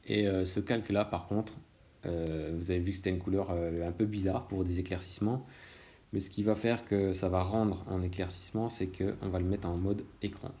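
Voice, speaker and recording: A man, an illustrator talking through a screen-recorded software tutorial in a relaxed way, thinking aloud with frequent hesitations. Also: sits low.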